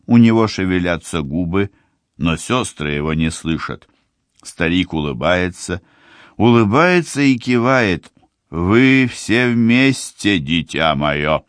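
A man narrating an audiobook in a measured, steady storytelling manner. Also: lowish voice, clear, resonant tone, no echo, clean studio sound. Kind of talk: scripted narration.

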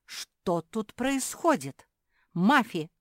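A woman's voice: lowish voice, animated, a little slow, no room sound, studio quality. A woman voicing a prim elder female pug who lectures her sisters reproachfully, in a storybook reading. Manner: reproachful, instructive. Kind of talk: storybook character voice.

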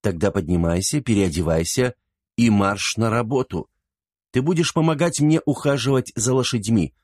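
A man voicing a calm, commanding noble lady in an audiobook. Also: mid-range voice, normal speed, dry recording, clean studio sound, close to an everyday voice.

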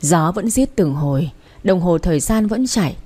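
A woman's voice: fairly low pitch, animated, normal speed, dark tone, breathy edge. A woman narrating a first-person audio story in an emotional, dramatic way.

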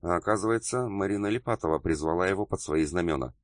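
A man voicing a composed young woman lawyer in an audiobook, speaking evenly and flatly. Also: deep voice, quick pace, dry recording, clean studio sound, close to an everyday voice. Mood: level. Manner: level, flat.

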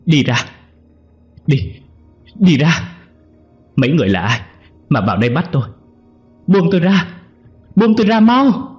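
A man voicing a delirious, feverish middle-aged man shouting in terror. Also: a little high, sing-song, a little slow, pauses often, faint music behind, pitched above the performer's own voice. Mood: terrified shouting. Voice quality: shouting, frantic.

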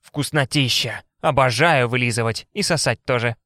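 A man's voice: sits high, animated, brisk, a bit bright, no echo, studio quality, pitched above the performer's own voice. Man putting on a jeering vulgar neighbor woman. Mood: sly. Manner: jeering, vulgar, sing-song taunting. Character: coarse, mocking female neighbor turned witch-like.

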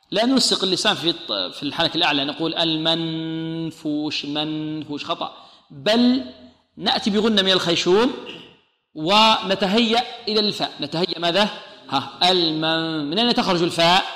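A man teaching a Quran recitation lesson, who patiently sounds out letters slowly and often praises and blesses his students. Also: high voice, sharp tone. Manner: patient, demonstrates sounds slowly and repeats them. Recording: echoey hall reverb.

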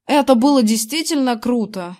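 A woman's voice: fairly high pitch, animated, moderate pace, a little mellow, lightly acted. A woman doing a brash bragging young boy. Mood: boastful. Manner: whiny, then swaggering and bragging. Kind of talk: audiobook character reading.

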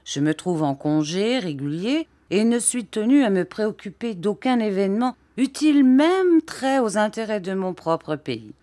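A woman's voice: mid-range voice, very animated, normal speed, hardly any pauses, dark tone, voice pushed up, lightly acted. A woman reading as Bobby, a boastful English detective. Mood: pompous. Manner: formal, self-important. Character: boastful, pompous English detective, thirty-year-old man.

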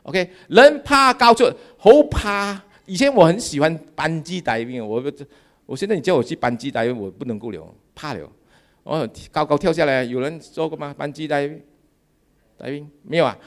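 Lively, animated pastor in his fifties. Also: on the high side, moderate pace. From Malaysia. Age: 50s. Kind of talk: sermon.

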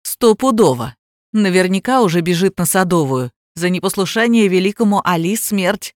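A woman's voice: on the low side, lively intonation, moderate pace, a little mellow, no echo, studio quality, close to an everyday voice. A woman voicing a man, an obsessive gamer who thinks he is a god, smug and domineering, in an audiobook reading. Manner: smug, then shrieking in fury. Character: self-styled god, obsessive male gamer.

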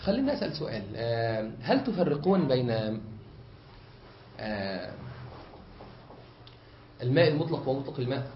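A man with an Egyptian accent, a sheikh teaching a study circle, explaining step by step, often pausing on drawn-out fillers and checking that his students follow. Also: medium pitch, very animated, slight background noise. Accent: Egyptian Arabic. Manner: frequent drawn-out hesitation fillers. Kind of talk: classroom lesson. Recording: echoey room, dull lo-fi sound.

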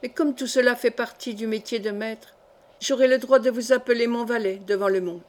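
A woman's voice: a little high, steady tone, fairly quick, darkish tone, close to an everyday voice. Woman reading a grave, sly young adventurer. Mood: solemn. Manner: solemn, mock-serious.

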